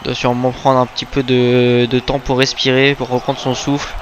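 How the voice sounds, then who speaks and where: Commentating a wrestling video game match move by move, a man exclaims at the big hits. His medium-pitched delivery is completely flat and fairly quick, on lo-fi audio with background noise.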